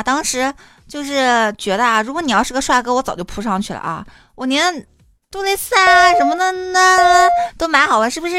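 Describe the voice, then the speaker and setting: A young woman with a fairly high voice recounts a comic story as a show host. Her pitch swings widely and expressively, and she keeps breaking into giggles. She cusses casually as she goes. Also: noisy background.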